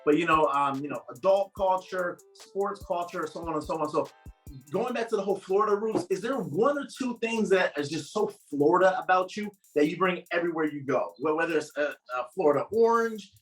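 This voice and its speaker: Speaking from home in northern New Jersey, a man with a fairly bright voice on the high side interviews a guest over a call. His style is casual and rambling, enthusiastic and heavy with fillers and eager asides.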